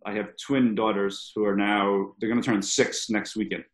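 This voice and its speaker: A man in his thirties from Rhode Island, a podcast guest telling stories in a relaxed, rambling way. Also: fairly low pitch, normal speed. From Rhode Island, USA. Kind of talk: casual chat. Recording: roomy echoey sound.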